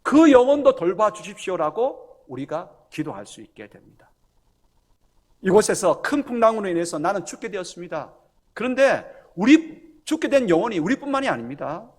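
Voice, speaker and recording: A male Korean pastor preaching a sermon, acting out quoted pleas and dropping from loud cries to hushed lines. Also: sits high, big pitch swings, brisk.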